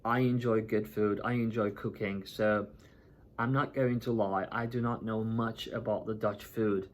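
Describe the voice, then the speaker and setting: A man's voice: lowish voice, fairly even intonation, measured pace, slight background noise. A man from Turkey talking casually to the camera as a vlogger, chatty and often checking in with "right?" and "you know".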